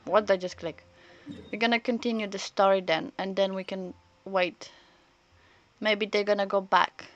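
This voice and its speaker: During a story-game stream, a woman rambles casually, pausing and restarting as she works through her thoughts while game music plays. Her medium-pitched voice has fairly even intonation, and the recording sounds muffled.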